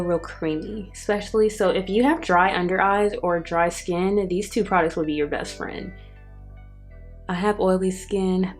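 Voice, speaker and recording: A woman vlogger chatting casually to viewers through a makeup review, her speech slightly affected by wearing a retainer. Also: fairly low pitch. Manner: chatty, addresses viewers directly. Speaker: beauty vlogger. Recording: soft music behind the voice. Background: background music.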